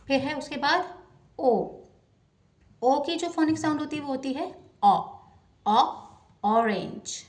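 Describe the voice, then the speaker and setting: A woman with a high voice teaches children phonics, stretching out each letter sound with patient care. She is recorded at a distance in an echoing room. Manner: slow, careful demonstration of sounds. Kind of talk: phonics lesson for kids. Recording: echoey room, voice off-mic.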